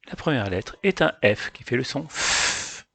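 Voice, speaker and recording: Male teacher, patient phonics lesson, deliberate letter sounds, husky voice, dry close sound. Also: medium pitch, no echo. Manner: slow, carefully sounds out each letter; addresses parents directly, calm and patient. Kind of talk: phonics lesson for young children.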